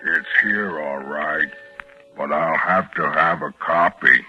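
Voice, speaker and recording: An actor playing a huge, half-human backwoods man, menacing and obsessive, with slow rustic speech in a 1940s radio horror drama. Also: rumbling low, breathy edge, highs cut off, full character voice. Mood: brooding, insistent. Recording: band-limited 1940s radio recording with music.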